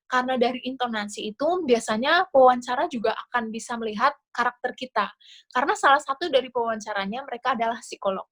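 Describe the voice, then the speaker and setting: A woman with an Indonesian accent talks a class through interview tips on a video call, in a fairly high voice. Her delivery is casual and chatty, loose and full of small fillers. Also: fast talker, fairly bright tone. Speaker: scholarship interview coach. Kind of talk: online class talk.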